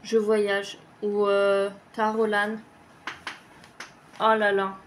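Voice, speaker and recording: A woman's voice: mid-range voice, monotone, drawn-out words, a little hiss or hum. A woman vlogger chatting casually as she answers tag questions, rambling and hesitant with lots of fillers and the odd swear word. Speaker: craft vlogger.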